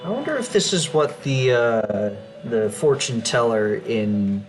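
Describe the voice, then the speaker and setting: A man's voice: medium pitch, animated, slow pace. A man hosting a let's play, giving casual, musing commentary with offhand asides. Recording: loud game music behind voice.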